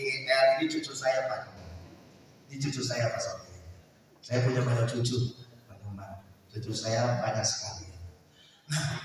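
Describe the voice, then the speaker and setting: An older man preaching a sermon as pastor, with fervent swings between soft asides and loud outbursts and many rhetorical questions. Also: fairly high pitch, slight background noise. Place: large church hall. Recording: echoey church hall, mic at a distance.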